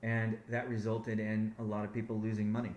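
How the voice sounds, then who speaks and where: Talking a little fast in a monotone, a company founder gives a conference-call business update that rambles, with many self-corrections and restarted sentences. His voice is fairly low and darkish, heard in an echoey room.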